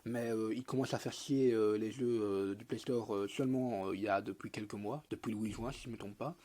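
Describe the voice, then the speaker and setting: A man's voice: fairly low pitch, steady tone, fairly quick, dark tone. A young man, a lisp and a congested, cold-affected voice, giving a rambling, slangy, hesitant tutorial commentary on a mobile game. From Belgium.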